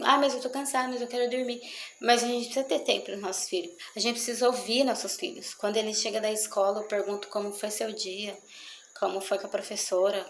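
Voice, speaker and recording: A woman's voice: mid-range voice, a little hiss or hum. Earnest woman in an echoey room. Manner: earnest, repetitive, emphatic. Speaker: mother speaking on parenting. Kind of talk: testimonial talk to an audience.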